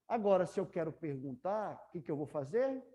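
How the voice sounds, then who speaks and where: A woman's voice: lowish voice, very animated, a little fast, warm tone. Patient Brazilian woman teaching English. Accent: Brazilian Portuguese. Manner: patient, repeats questions to students. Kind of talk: online class explanation.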